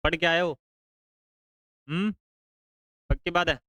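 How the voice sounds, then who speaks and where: A male teacher, bantering with his class and teasing students into speaking up loudly. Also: on the high side, slow, no echo, poor audio.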